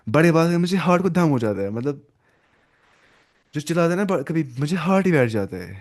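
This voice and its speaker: A man teaching an online Arabic lesson in with English words mixed in, reading Arabic phrases slowly and then explaining them. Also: medium pitch, darkish tone.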